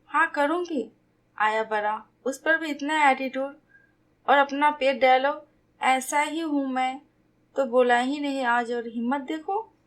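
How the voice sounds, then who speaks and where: A woman's voice: high voice, steady tone, measured pace, voice pushed up. A woman voicing a spirited, stubborn young woman about to marry, emotional and pouting. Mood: upset.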